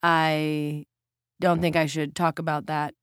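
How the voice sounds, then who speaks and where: A woman's voice: sits low, flat delivery, slow pace, smooth, dry recording, studio quality. A woman reading an audiobook, voicing a nervous male hospital orderly who speaks hesitantly in clipped, casual phrases. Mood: uneasy.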